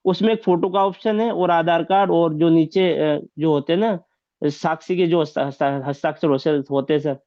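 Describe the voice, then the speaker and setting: A man with a high voice tells his sales stories as an insurance agent. He acts out both sides of the dialogue and laughs often. His audio is dull and dry, like a remote call. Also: fairly even intonation, moderate pace, mellow, no room sound. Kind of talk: storytelling sales anecdotes.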